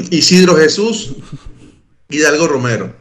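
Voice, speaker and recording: A young man with a Venezuelan accent and a deep voice, co-hosting a podcast in casual, joking chat. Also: lively intonation, takes it slowly, echoey room. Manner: teasing, joking. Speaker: podcast co-host.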